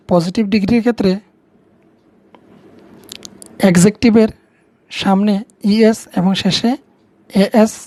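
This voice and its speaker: A woman's voice: mid-range voice, a little mellow, dry recording. A woman with a Bengali accent, patiently explaining English grammar to students step by step, repeating key words. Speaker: teacher.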